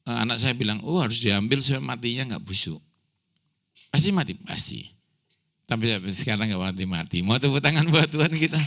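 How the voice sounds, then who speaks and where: A man's voice: medium pitch, lively intonation, brisk, a bit bright, slight background noise. A man preaching a sermon as pastor, telling a personal story with acted dialogue, close to tears.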